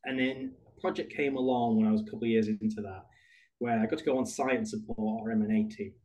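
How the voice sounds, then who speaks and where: A British man, a podcast guest, talking through his career in a relaxed, rambling conversational way. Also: lowish voice, quick pace, highs cut off. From United Kingdom. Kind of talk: conversational interview.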